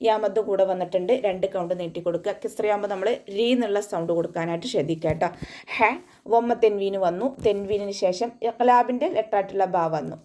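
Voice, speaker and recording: A woman's voice: mid-range voice, warm tone. Woman teaching Quran recitation rules. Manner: patient step-by-step instruction, slow melodic Arabic recitation between explanations. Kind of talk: online tajweed lesson.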